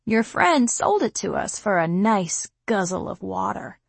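A woman voicing a tattooed male gunman who speaks low, flat and quietly threatening. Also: a little slow, creaky, slightly rough, dry recording, full character voice.

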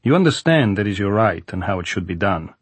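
A man's voice: fairly low pitch, very animated, brisk, breathy edge, no room sound. A man voicing a brusque, emphatic Soviet military general, exasperated with his orders, in an audiobook. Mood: stern, insistent. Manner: emphatic, stern military officer. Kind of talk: audiobook character voice.

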